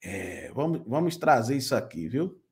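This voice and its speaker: A man's voice: medium pitch, very animated, moderate pace, a little mellow. A man hosting a video channel, reacting with incredulous, mocking commentary. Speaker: channel host.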